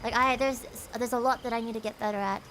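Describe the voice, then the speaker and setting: Young American woman, high-pitched, bubbly and giggly, casual stream host talking to chat at home. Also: steady tone, fast talker, noisy background. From United States. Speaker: VTuber streamer and singer.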